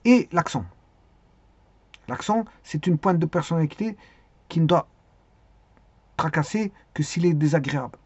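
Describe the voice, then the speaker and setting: A man giving a spoken lesson on speaking skills, hesitant, with many pauses and repeated words. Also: on the high side, animated, darkish tone, slightly rough, no room sound. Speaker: teacher. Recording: dull lo-fi sound.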